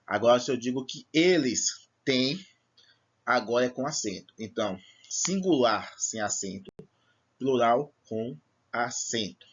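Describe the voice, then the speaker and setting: Husky teacher explaining patiently. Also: male voice, mid-range voice, animated, a little slow, dull audio. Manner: patient, explanatory, checks understanding with "certo?" and "tá bom?". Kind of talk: recorded classroom lesson.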